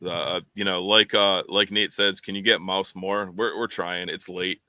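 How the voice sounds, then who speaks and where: A man's voice: low-pitched, fairly even intonation, normal speed, bright, forceful tone, no echo. A man co-hosting a fan podcast, chatting casually and rambling with lots of fillers and repeated words. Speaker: podcast co-host.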